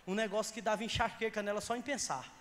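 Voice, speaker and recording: A male pastor with a Brazilian Portuguese accent preaching in a church, telling a humorous anecdote with loud bursts and quiet asides. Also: sits high, fairly even intonation, quick pace. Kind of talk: storytelling sermon. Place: church sanctuary. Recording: long church hall reverb, faint noise.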